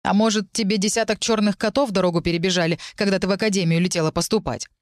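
A woman voicing a brooding young male necromancer student in an audiobook, with a hoarse, low-pitched voice. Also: steady tone, fast, no room sound, clean studio sound, lightly acted. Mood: tense. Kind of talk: audiobook character reading.

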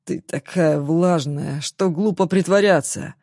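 A woman voicing an arrogant young man in an audiobook, speaking low, quiet and mocking. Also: measured pace, no room sound, clean studio sound.

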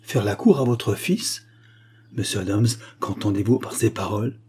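A man voicing an angry, sharp-tongued spinster who scolds with indignation. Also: on the low side, moderate pace, husky. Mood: indignant.

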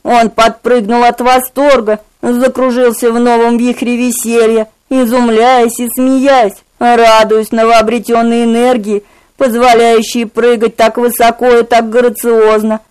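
Smooth-voiced woman narrating. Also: a little high, little pitch movement, a little slow, darkish tone, low-quality recording. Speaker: audiobook narrator. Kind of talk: scripted narration.

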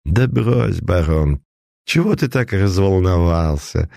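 A man voicing a carefree, mocking young dandy who speaks softly with a burred r, in an audiobook reading. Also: on the low side, lively intonation, takes it slowly, vocal fry, dry recording, studio quality, voice pushed up, exaggerated voice. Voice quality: soft voice with a burred r. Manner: teasing and carefree.

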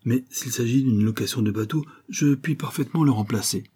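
A stout, red-faced boatman's wife, voiced by a man in an audiobook, fretting aloud and talking on and on. The voice is pitched up and a little husky, with a mellow, soft-edged tone. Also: fairly quick, lightly acted. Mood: worried. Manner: fretful, talkative, pleading. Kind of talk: audiobook character reading.

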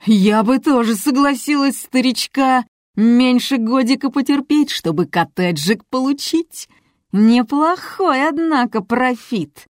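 A woman reading as a brash woman who taunts loudly and coarsely. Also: high-pitched, takes it slowly, no echo, studio quality, voice pushed up. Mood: taunting.

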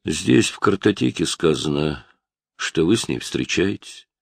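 A man with a low, gravelly voice playing a patient police detective who questions a suspect steadily. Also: lively intonation, a little slow, no room sound, studio quality, exaggerated voice.

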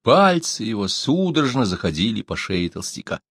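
A man narrating an audiobook of a novel in an expressive, dramatic reading style. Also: on the low side, moderate pace, husky, no echo, studio quality.

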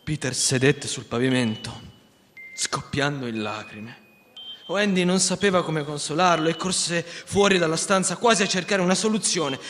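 A man narrating a children's story in a measured storytelling manner for a radio reading. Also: high-pitched, long reverb tail, slight background noise.

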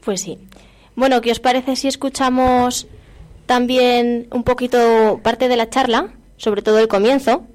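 A woman's voice: on the high side, little pitch movement, unhurried, a little mellow. A woman hosting a local radio program, chatting casually and prompting her co-hosts with questions. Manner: prompting, asks guests questions. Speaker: radio host.

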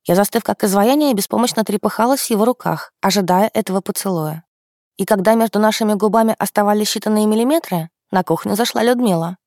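Woman reading an audiobook, smooth even telling, dry close sound. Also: mid-range voice, quick pace, no room sound. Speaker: audiobook narrator. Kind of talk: first-person audiobook narration.

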